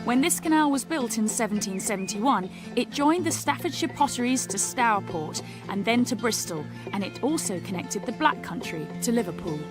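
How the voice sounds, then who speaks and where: A woman's voice: fairly high pitch, animated, normal speed, hardly any pauses. A woman reporter reading scripted documentary narration. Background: music.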